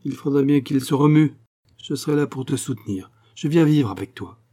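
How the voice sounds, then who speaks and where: A man's voice: medium pitch, moderate pace, mellow, slightly rough, voice pushed up. A man voicing a plump, bustling middle-aged mother in an audiobook, coaxing and indignant by turns.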